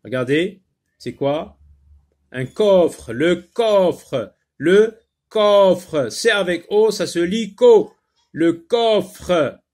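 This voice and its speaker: A man gives a slow phonics lesson to young learners, sounding out each word again and again. His voice sits a little on the high side, and he takes his time with frequent pauses and fillers. He stays patient and repetitive throughout. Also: animated, darkish tone. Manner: slow, patient, repeats words syllable by syllable with many fillers. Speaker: teacher.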